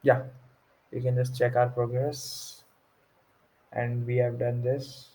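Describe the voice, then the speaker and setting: A young man with a North Indian accent giving an informal tech tutorial, haltingly thinking aloud as he works through the steps. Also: mid-range voice, completely flat delivery, mellow, poor audio. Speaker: tutorial presenter. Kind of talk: informal screen-recorded tech walkthrough.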